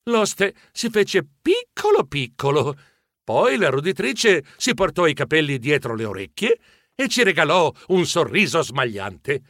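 A man narrating a children's story in the first person, with animated, expressive delivery. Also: fairly high pitch, measured pace, dry recording, clean studio sound. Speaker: audiobook narrator.

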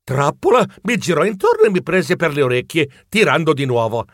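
A man narrating a children's audiobook, lively and expressive. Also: a little high, a little fast, no room sound, clean studio sound.

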